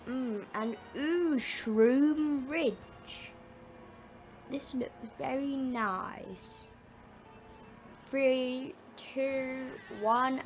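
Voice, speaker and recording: A woman hosting a gaming video, giving playful kart racing commentary full of exclamations, oohs and little vocal sound effects. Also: sits high. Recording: game music under the voice. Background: video game music.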